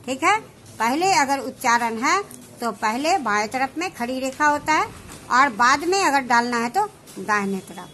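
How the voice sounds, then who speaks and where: A woman teaching shorthand, explaining each step slowly and checking whether her students understand. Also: sits high, animated, sharp tone, a little hiss or hum. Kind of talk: slow classroom explanation.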